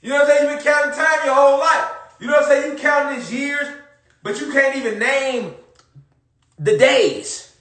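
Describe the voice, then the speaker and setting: A man's voice: very high-pitched, moderate pace, bright, forceful tone. A man talking straight to his listeners in a casual monologue, emphatic and profane, repeating his points again and again. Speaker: social media commentator. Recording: echoey room.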